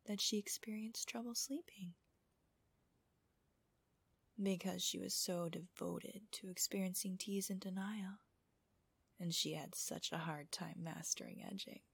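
A woman narrating an adult ASMR audio in a soft, breathy whisper, with a slow, intimate and teasing manner. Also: medium pitch, dry recording. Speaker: host of erotic relaxation audios.

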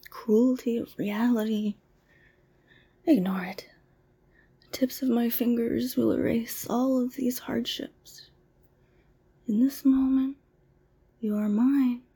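Soft whispery asmr lady, mellow breathy voice, really slow and soothing. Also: on the high side. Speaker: ASMR roleplay masseuse. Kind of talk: ASMR roleplay.

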